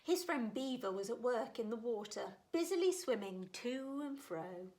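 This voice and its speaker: A woman reading a children's picture book aloud with animated expression. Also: fairly high pitch, normal speed. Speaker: storyteller.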